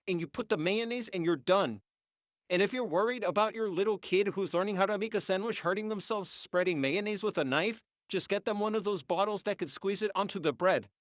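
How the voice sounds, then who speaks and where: A nineteen-year-old vlogger goes on an unscripted, heated rant full of swearing, sounding stuffy-nosed and sniffling with congestion. The medium-pitched voice is AI-filtered, recorded with studio quality and no echo.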